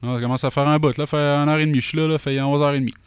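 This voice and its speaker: A middle-aged man with a Québécois accent tells a rambling story in an animated, offhand way, packing it with fillers and quick asides. His voice is smooth and clear, recorded close and dry with no room sound. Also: fairly high pitch, no room sound. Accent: Québécois French. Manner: animated anecdote-telling with many fillers and asides. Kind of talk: casual chat.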